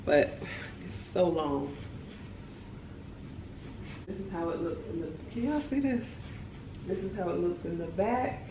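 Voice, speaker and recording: A young woman with a low voice talks slowly and chattily to her viewers, gushing over a new wig. She is recorded on a camera mic in her home kitchen, with faint room noise behind her. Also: lively intonation. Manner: enthusiastic, chatty, addresses viewers directly. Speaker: vlogger. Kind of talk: casual product review vlog.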